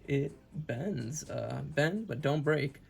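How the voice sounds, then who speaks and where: A man's voice: a little high, expressive, slow pace, gravelly, a little hiss or hum. A man giving a casual, earnest and enthusiastic hobby review as host, repeating himself, his speech affected by recovery from wisdom tooth removal. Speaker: toy reviewer and channel host.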